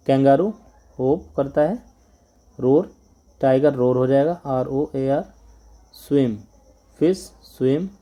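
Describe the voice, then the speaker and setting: A man's voice: medium pitch, warm tone. A man with an Indian accent, a Hindi-speaking teacher explaining a lesson step by step and spelling words out letter by letter.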